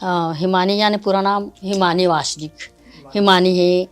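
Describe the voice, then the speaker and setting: A woman's voice: on the low side, steady tone, unhurried, smooth, soft background music. An older woman with a Chhattisgarhi accent, a folk singer talking unhurriedly in an interview, laughing often. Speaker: Bharthari folk singer, guest. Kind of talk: casual interview talk.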